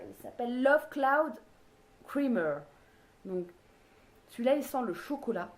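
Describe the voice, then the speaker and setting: A woman vlogger casually reviewing bath products, talking hesitantly with many fillers. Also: fairly high pitch. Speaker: beauty vlogger. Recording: echoey room.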